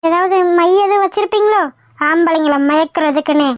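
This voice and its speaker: A sneering, haughty mother-in-law from a cartoon mocks in a sharp, very high register, performed by a woman. The sound is close and dry. Every line drips with contempt. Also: brisk, no echo. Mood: scornful. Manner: taunting, sneering, mocking. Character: haughty scornful middle-aged mother-in-law. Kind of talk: cartoon voice acting.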